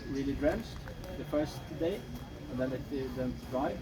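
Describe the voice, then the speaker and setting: A man's voice: medium pitch, unhurried, recorded from a distance, crowd noise. A man from Sweden giving a casual trekking testimonial, hesitant with many fillers. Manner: hesitant, many uhs and ums, agreeable. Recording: noisy outdoor recording with vehicles.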